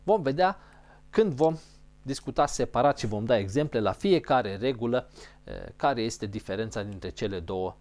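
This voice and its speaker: Man teaching in a lively voice. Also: mid-range voice. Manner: explains step by step and repeats key terms; models Arabic sounds mid-sentence. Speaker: Quran recitation teacher. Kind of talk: spoken lesson on recitation rules.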